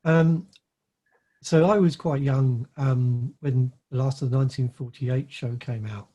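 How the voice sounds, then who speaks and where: A man's voice: mid-range voice, unhurried, warm tone. A man interviewing an actress, asking hesitant, fumbling questions.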